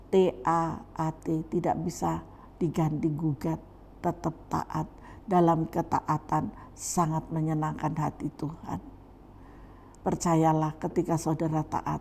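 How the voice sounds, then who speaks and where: A woman pastor delivers a sermon in a lowish voice. She preaches emphatically and repeats her points, rising loud and dropping soft. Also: slight background noise.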